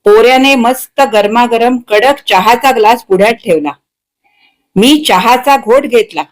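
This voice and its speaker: A genial elderly man in his eighties, as a woman narrator voices him, relaxed and cheerful, telling little anecdotes in a fairly high voice. A gentle figure from a spoken storybook. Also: measured pace, close to an everyday voice. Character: elderly genial male publisher, eighty-two.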